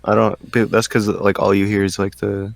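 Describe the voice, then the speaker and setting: A man's voice: fairly low pitch, completely flat delivery, moderate pace, creaky, no room sound. A man hosting a podcast, asking questions in a laid-back, easygoing way. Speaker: podcast host. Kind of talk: casual interview.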